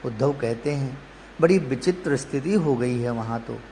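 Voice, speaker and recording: A man preaching a devotional story in a measured, emotive way, often addressing the listener directly. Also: mid-range voice, mellow. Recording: long hall reverb, faint background noise.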